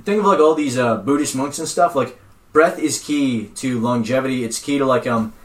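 A man's voice: medium pitch, normal speed. A young man co-hosting a podcast, chatting casually with friends in a rambling, laid-back way full of fillers. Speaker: podcast co-host. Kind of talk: casual chat among friends. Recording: roomy, distant mic, faint noise.

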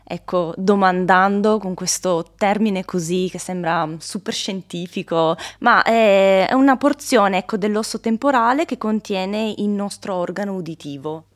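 A woman's voice: mid-range voice, a little slow, few pauses. Young woman explaining her research carefully. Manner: careful, technical, with hesitation fillers. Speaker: guest, doctoral researcher. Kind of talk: explanatory interview answers.

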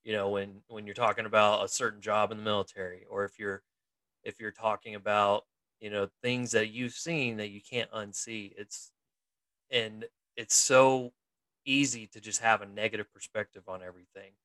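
A man in his thirties co-hosting a relaxed podcast, talking in a bright, forceful tone recorded dry and close. He laughs often and fills his talk with restarts and "you know"s. The voice sits a little low for a man. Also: moderate pace, no echo. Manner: laughs often, chatty with many fillers and restarts. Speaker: co-host, military investigator in the reserves. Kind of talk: casual podcast chat.

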